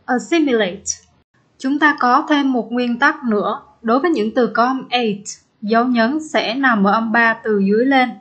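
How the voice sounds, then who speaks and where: A woman teacher explaining an exam step by step, repeating example words slowly and patiently. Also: a little high, a bit bright, breathy edge, dull audio. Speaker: English teacher. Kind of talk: exam-prep lesson.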